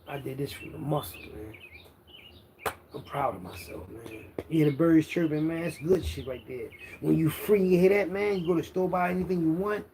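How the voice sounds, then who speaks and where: Birdsong and outdoor noise surround a medium-pitched, creaky, darkish voice. It belongs to a man in his 50s from Philadelphia, an internet content creator who rambles through a slang-heavy street monologue, boasting with casual self-assurance.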